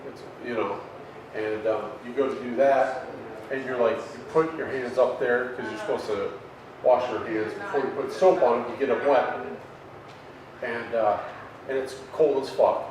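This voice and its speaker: A man's voice: medium pitch, fairly even intonation, normal speed. Rambling, profane man in his forties. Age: 40s. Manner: rambling, swears constantly, trails off with fillers. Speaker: open mic comedian guest. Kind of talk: profane comic rant. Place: record store. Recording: very echoey room, mic far off, faint noise.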